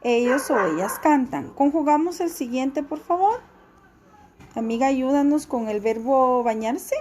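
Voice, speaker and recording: Woman teacher, high pitch, slow patient delivery, repeats forms for class. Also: lively intonation, a little mellow, a little hiss or hum. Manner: patient, repeats each form slowly for students. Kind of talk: classroom language lesson.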